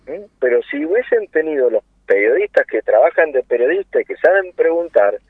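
A man's voice: a little high, husky, no echo. A man around sixty with an Argentine accent, speaking earnestly as a guest in a political interview, with many hesitations and rhetorical questions. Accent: Argentine Spanish. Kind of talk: impassioned political phone interview. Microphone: telephone. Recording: tinny dry phone line.

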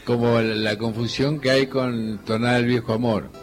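A man from Cuyo, Argentina, with a Cuyo Argentine accent, a folk guitarist telling stories in a relaxed conversation and quoting others as he goes. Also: medium pitch, faint music behind. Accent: Cuyo Argentine Spanish. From Cuyo region, Argentina. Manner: unhurried storyteller who quotes others and hums lines. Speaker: folk guitarist and singer, interview guest.

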